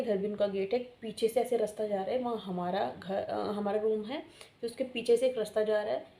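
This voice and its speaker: A young woman tells a personal story in a loose, rambling way and circles back to repeat her points. Her voice is mellow and soft-toned. Faint noise sits behind her. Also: medium pitch. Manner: chatty, rambling, repeats herself for emphasis. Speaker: vlogger. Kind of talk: casual storytelling.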